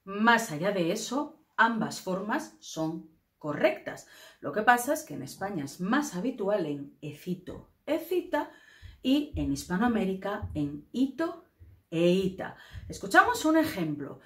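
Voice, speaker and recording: A woman from Spain with a Spain accent, teaching a Spanish grammar lesson in a clear, careful way. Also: mid-range voice, big pitch swings, measured pace, reverberant.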